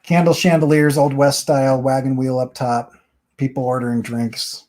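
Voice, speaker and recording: A man's voice: medium pitch, flat delivery, moderate pace, darkish tone. A man hosting a comic book review, chatting casually and rambling as he walks through the story page by page. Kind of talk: casual chat.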